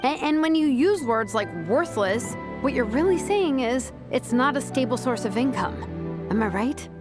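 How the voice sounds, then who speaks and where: A fairly high female voice with lively intonation plays a self-assured vice captain and teacher from a video game, speaking at normal speed over music. Her delivery is casual, diplomatic and persuasive.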